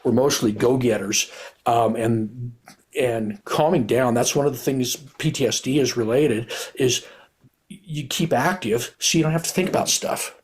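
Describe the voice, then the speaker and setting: A man's voice: medium pitch, a little slow, breathy edge. Earnest retired cop telling his story. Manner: rambling, earnest, self-correcting restarts. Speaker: guest, retired police officer and author. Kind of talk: candid conversational storytelling.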